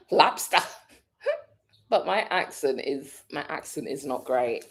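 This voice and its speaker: A British woman vlogging in a casual, rambling way, thinking out loud and laughing often. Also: deep voice, very animated, slow pace, gravelly. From Britain. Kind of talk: casual vlog chat.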